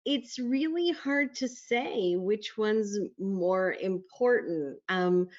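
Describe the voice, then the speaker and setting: A woman's voice: medium pitch, slow pace, darkish tone, lo-fi sound. A woman physician talking earnestly on a panel, explaining at length with many fillers. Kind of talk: panel discussion. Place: New York.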